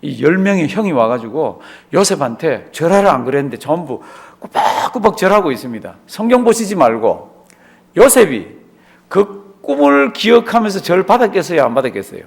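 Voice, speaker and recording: A man's voice: fairly high pitch, sing-song, normal speed, creaky, slightly rough. A man, a pastor, teaching a Bible study class, asking the class questions, answering them himself and repeating key words for emphasis. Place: church classroom.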